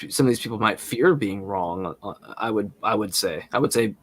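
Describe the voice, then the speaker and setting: A man co-hosting a casual podcast, reasoning out loud with hesitant restarts. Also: fairly low pitch, moderate pace, a little hiss or hum. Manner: thinks aloud, hesitant, many restarts and fillers. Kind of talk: casual debate podcast chat.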